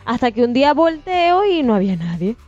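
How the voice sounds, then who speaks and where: A woman in her thirties, co-hosting a casual podcast chat, telling a personal ghost story with animated, acted-out detail. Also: sits high, a little fast, dry recording. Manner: animated storyteller, swears it's true, acts out scenes. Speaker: podcast co-host. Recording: dull lo-fi sound with faint music.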